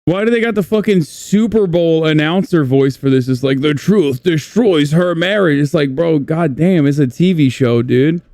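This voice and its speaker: A man's voice: fairly high pitch, normal speed, hardly any pauses, mellow, no echo, studio quality. A man streaming a reaction to a video, talking in a casual, incredulous and profane way.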